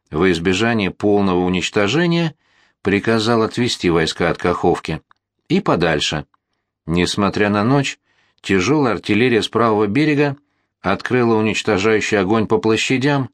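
A man narrating a historical novel as an audiobook, in a measured, steady storytelling manner. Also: on the low side, no echo, studio quality.

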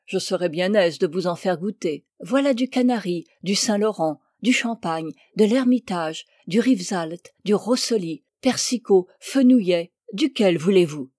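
Spiteful old duchess, emphatic, as a woman reader puts her on, warm tone. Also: mid-range voice, expressive, a little slow, hardly any pauses, no room sound, clean studio sound. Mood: sly. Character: ugly spiteful old duchess, scornful and boastful.

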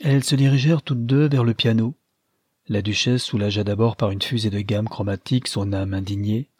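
Male audiobook narrator, measured and expressive; low, husky, dry. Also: dry recording. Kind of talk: scripted narration of a novel.

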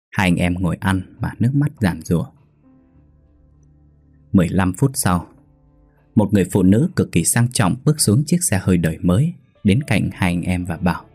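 A man narrating a sad story in a somber, measured manner. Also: sits low, darkish tone, breathy edge, no echo.

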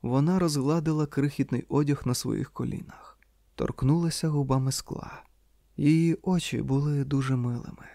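Спокійний чоловічий голос, аудіокнига. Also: male voice, medium pitch, normal speed, vocal fry, dark tone, dry recording, clean studio sound. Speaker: audiobook narrator. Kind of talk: literary audiobook narration.

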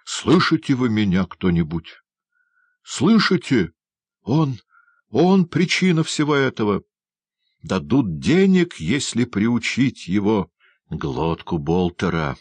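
A man voicing a raving, terrified old male prisoner, bursting out shrill and frantic. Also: animated, unhurried, husky, dry recording, heavily acted. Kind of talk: audiobook character voice.

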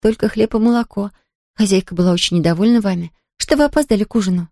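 A woman's voice: mid-range voice, animated, fast talker, dark tone, no room sound, studio quality, lightly acted. A woman reading an audiobook, voicing a flustered, kind-hearted young housemaid who frets and exclaims. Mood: apologetic. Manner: fussing, anxious, exclaiming.

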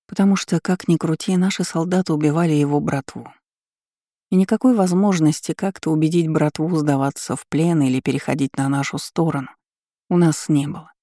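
Calm woman reading a fantasy audiobook. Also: deep voice, no room sound, clean studio sound. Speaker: audiobook narrator.

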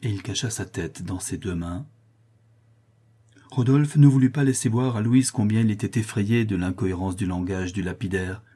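A man reading a classic novel aloud as an audiobook, narrating in a steady, measured way. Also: lowish voice, breathy edge. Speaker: audiobook reader.

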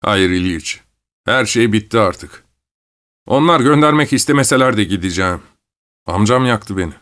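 A man voicing a young male peasant conscript, desperate and volatile, who pleads bitterly and then yells wildly. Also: fairly low pitch, animated, normal speed. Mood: bitter, grieving.

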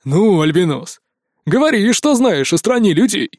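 A man's voice: a little high, animated, moderate pace, darkish tone, dry recording, clean studio sound. Surly, snappish wolf cub voiced by a man; storybook voice. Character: sulky hot-tempered young male wolf cub.

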